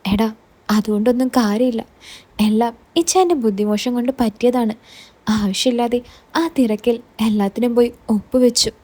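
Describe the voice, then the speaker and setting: A woman's voice: fairly high pitch, normal speed, dark tone, natural voice. Woman reading as a weary, bitter aunt. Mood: resigned.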